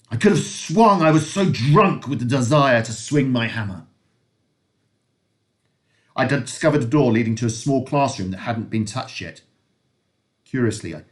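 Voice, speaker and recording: Male teacher, mid-pitched voice, expressive read-aloud of a novel for students. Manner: expressive, lively reading with occasional slips.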